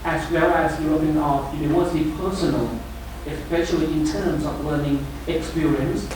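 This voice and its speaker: A middle-aged man, head of a university center, gives a rambling welcome speech full of "you know". His voice sits fairly high. He sounds distant in a very echoey room with audible hiss. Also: fairly even intonation, normal speed. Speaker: head of a university center giving opening remarks. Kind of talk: formal welcome speech, loosely phrased. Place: large lecture room.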